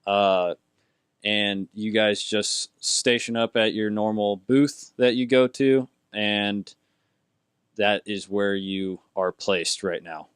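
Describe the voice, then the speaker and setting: A young man narrating as game master for a tabletop game, with a low, smooth voice. He talks in a rambling, hesitant way full of fillers. The sound is dry and close. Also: slow pace, a bit bright, dry recording.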